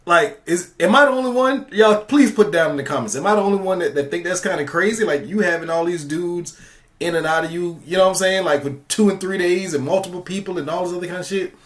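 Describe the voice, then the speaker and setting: A man's voice: high-pitched, fast. Rambling man hosting a reaction commentary. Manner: loose, rambling, frequent fillers and restarts. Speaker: commentary channel host. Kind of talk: casual commentary on a clip.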